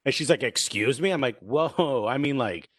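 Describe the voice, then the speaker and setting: Animated New York man, dry sound. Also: medium pitch, moderate pace, no echo. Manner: animated storytelling, acts out quoted voices. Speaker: podcast co-host. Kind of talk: casual chat.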